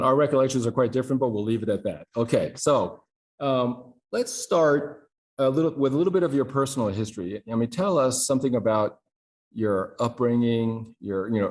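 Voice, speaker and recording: A man's voice: mid-range voice, a little mellow. A man hosting an interview, asking friendly questions with light jokes. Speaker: interview host. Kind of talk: casual interview conversation.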